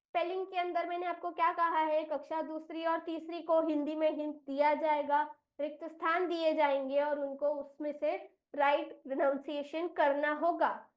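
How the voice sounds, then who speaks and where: High-voiced woman spelling words out slowly. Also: flat delivery, highs cut off. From India. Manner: slow, deliberate spelling out of letters and syllables; mixes Hindi with English phrases. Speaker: English reading trainer. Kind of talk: teacher training lesson.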